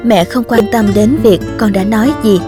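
A woman's voice: mid-range voice, moderate pace, music in the background, close to an everyday voice. A woman voicing a loving young mother writing tender letters to her baby. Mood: gentle. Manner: tender, softly reading out letters.

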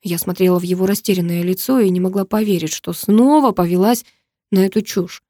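A woman narrating a dramatic first-person audiobook, expressive and emotional, recorded close to the mic. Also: on the low side, fairly quick, no echo.

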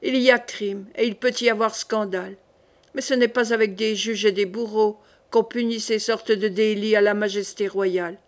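A woman's voice: mid-range voice, steady tone, normal speed, lightly acted. A woman voicing a cold, commanding queen mother in an audiobook reading.

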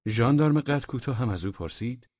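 A man narrating a humorous story as an audiobook, in a warm, measured way with soft half-whispered passages. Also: mid-range voice, lively intonation, no room sound. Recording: dull lo-fi dry audiobook recording.

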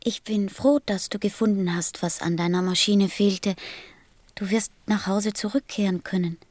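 A woman plays a small boy prince from another planet in a radio play. He is gentle and earnest, with a childlike seriousness. The sound is dry, with hardly any room around it. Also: mid-range voice, fairly even intonation, normal speed, dry recording, lightly acted. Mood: solemn, tender. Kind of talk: audio drama acting.

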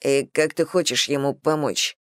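Skeptical storybook woman, read by a woman, low and dry. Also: steady tone, normal speed, no room sound, lightly acted. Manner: doubting, skeptical. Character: distrustful woman.

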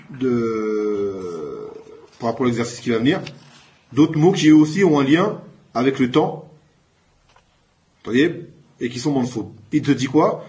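In a classroom, a medium-pitched male teacher gives an Arabic lesson in French, announcing every new word more loudly before slowly explaining it.

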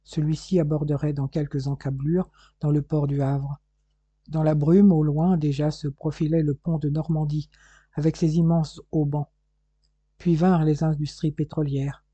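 A man reads a novel aloud in calm, measured narration. His voice sits a little high but sounds very dark, mellow and husky. The recording is dry and slightly dull, with no room sound. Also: dry recording. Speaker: audiobook narrator. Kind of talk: scripted narration.

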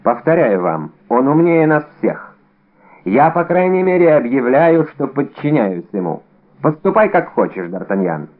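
A man's voice: mid-range voice, sing-song, measured pace. A man reading an audiobook, voicing a composed musketeer who speaks firmly and in measure, in a narrow, phone-like recording. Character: composed older musketeer man, calm authority.

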